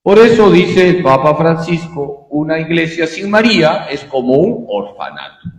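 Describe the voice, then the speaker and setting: A man, a priest teaching a catechism class, animated and asking rhetorical questions he answers himself. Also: fairly high pitch, a little slow. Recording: echoey hall, long reverb.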